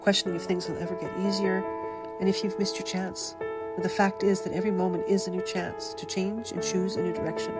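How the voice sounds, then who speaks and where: A woman delivers scripted, inspirational ad narration at an everyday pitch. Loud music with guitar plays throughout behind her voice. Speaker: advertisement narrator.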